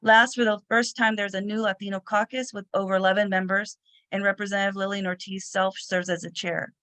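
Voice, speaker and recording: A woman moderator delivering a formal, scripted podium-style welcome speech, reading out names and lists in a measured way. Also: mid-range voice, flat delivery, fairly bright tone, dry recording. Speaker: moderator and host.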